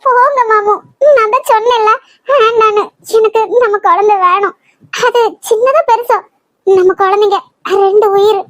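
A woman's voice: extremely high pitch, normal speed, no echo, clean studio sound. A woman voicing a desperate young pregnant wife in a cartoon drama, pleading and stammering in Kanyakumari Tamil. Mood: sobbing. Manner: tearful, stammering pleas.

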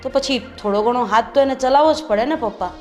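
A woman's voice: a little high, a little fast, soft background music, natural voice. An actress playing a concerned daughter-in-law, talking earnestly with her elders. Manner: earnest, complaining. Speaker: daughter-in-law in family drama. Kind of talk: Gujarati family drama acting.

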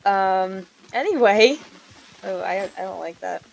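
A woman's voice: medium pitch, unhurried, gravelly. Chatty young woman gaming, noisy background. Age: young adult. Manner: chatty, swears often, easily startled. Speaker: gaming channel host. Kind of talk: casual gameplay commentary.

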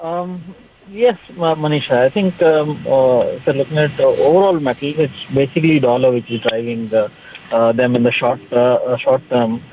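A man's voice: medium pitch, fairly even intonation, normal speed, a little mellow, slight background noise. A man, a commodity analyst answering on live TV, hesitant, with many fillers and restarts. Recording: tinny phone-like line.

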